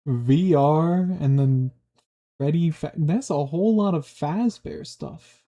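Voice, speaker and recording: A young man from Long Island with a New York accent, chatting casually on a livestream and reacting to his chat in a rambling, animated, slangy way. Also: on the high side, slow.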